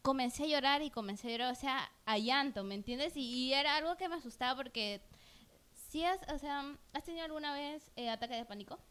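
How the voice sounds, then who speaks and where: A woman's voice: sits high, fairly quick, a bit bright. A woman co-hosting a podcast, speaking in earnest, open and personal long turns in casual conversation. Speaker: podcast co-host.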